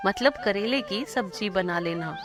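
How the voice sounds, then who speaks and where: A woman's voice: mid-range voice, unhurried, close to an everyday voice. Stern cartoon mother-in-law voiced by a woman, scolding and fed up, music bed behind. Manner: scolding, exasperated. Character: stern middle-aged mother-in-law, exasperated. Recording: cartoon voice over loud music.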